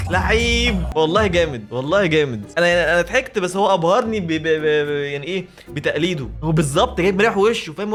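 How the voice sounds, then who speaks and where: Young man, Egyptian Arabic accent, fast talker, high animated voice, music behind. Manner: lively, laughing, swears often. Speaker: reaction video host. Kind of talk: casual reaction commentary.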